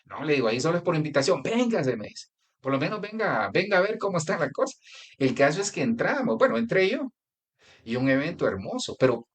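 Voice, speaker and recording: Animated conversational pastor, Colombian. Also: male voice, a little high. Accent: Colombian Spanish. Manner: conversational preaching with anecdotes and direct address. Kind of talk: sermon.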